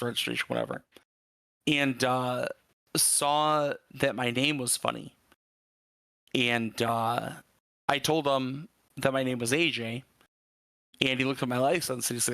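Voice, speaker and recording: A man's voice: mid-range voice, pushed and bright, no echo. A man from Michigan, a podcast guest, telling a story in a rambling way with lots of fillers and casual swearing. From Michigan, USA.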